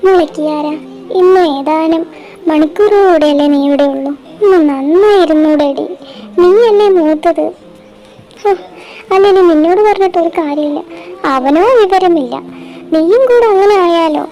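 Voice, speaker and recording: A woman's voice: very high voice, normal speed, long pauses, muffled recording. A young woman voicing a nagging, exasperated mother in a fan dub drama, with faint music behind. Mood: scolding. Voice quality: sharp, nagging. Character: scolding middle-aged mother, exasperated.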